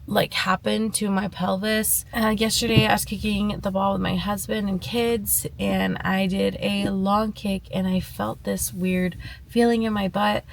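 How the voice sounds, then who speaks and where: A woman's voice: medium pitch, little pitch movement, measured pace, gravelly, rough recording. A young woman talking casually to her viewers as a running vlogger. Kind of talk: casual vlog talk.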